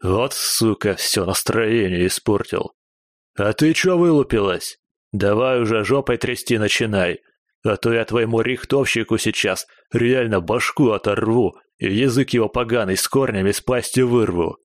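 A man's voice: fairly low pitch, moderate pace, no room sound, studio quality, close to an everyday voice. A man voicing a swaggering, brutish male thug who talks in a sneering, coarse way. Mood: menacing. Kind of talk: audiobook character voice.

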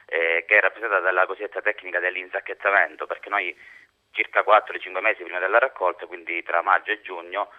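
Deep-voiced young man explaining. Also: steady tone, fast talker, narrow, tinny audio. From Sicily, Italy. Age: young adult. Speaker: interview guest, farmer. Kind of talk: explanatory radio interview answers.

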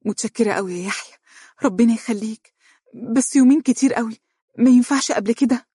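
A gentle, sorrowful young woman with an Egyptian accent speaks softly and plaintively, as a woman reading a storybook gives her voice. The tone is slightly raised and husky, and the recording is dry. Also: on the low side, fairly even intonation, very fast, no room sound. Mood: sad, hopeful. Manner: soft, plaintive.

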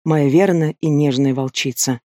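A man voicing a male demon prince who speaks in an even, cool, teasing way, read as an audiobook character. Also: on the high side, fast talker, dry recording, clean studio sound, lightly acted. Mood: possessive. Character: calm mocking demon prince, male adult.

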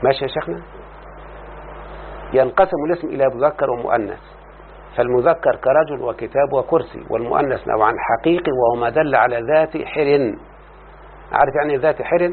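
A man's voice: medium pitch, fairly quick, long pauses. A man with an Egyptian accent teaching a classroom lesson on grammar, reading from a text, explaining it and often checking whether his student follows. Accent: Egyptian Arabic. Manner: explains then quizzes the student with repeated checks. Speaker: teacher of Arabic morphology. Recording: tinny lo-fi recording with faint hiss.

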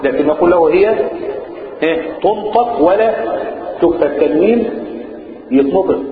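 Male sheikh with an Egyptian accent, slightly high voice, teaching a class and prompting answers; tinny, echoey recording with a crowd behind. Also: lively intonation, normal speed. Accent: Egyptian Arabic. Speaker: sheikh teaching Quran recitation rules. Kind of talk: classroom lesson with chanted verse.

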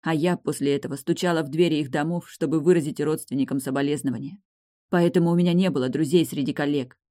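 A woman's voice: low voice, steady tone, fast talker, warm tone, no echo, lightly acted. A reader voicing a grieving, furious woman guard officer, in an audiobook with a dry sound. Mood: bitter. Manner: bitter, outraged outbursts. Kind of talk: audiobook dialogue reading.

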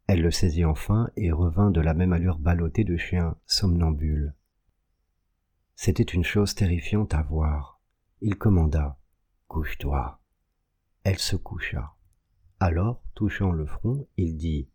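A man reading a literary story aloud as an audiobook narrator, in a measured, dramatic storytelling manner. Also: sits low, dark tone, husky. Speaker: audiobook reader.

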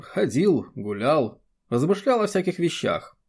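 A male reader voices a calm, easygoing mystic who speaks in a measured way, a touch higher than the narration. It suits a storybook character. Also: gravelly, husky, exaggerated voice. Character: calm thoughtful man, Earl, a mystic.

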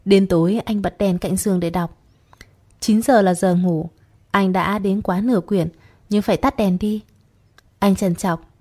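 A woman narrating a literary short story in a steady, storytelling voice. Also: mid-range voice. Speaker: audiobook narrator. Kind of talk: scripted narration.

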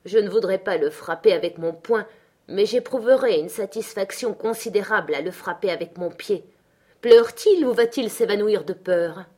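A violent, contemptuous young man, read by a woman narrating an audiobook. His words sneer and threaten with steady menace. The voice stays close to the reader's own. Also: medium pitch, normal speed, lightly acted. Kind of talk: audiobook character reading.

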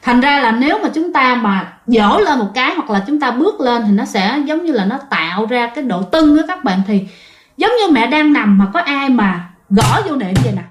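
A woman with a Southern Vietnamese accent tells a ghost story in a loose, conversational way, pausing to speak straight to her listeners. Her voice sits a little high. The recording has a noticeable roomy echo. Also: lively intonation. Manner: chatty, often addresses listeners directly. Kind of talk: casual spoken storytelling.

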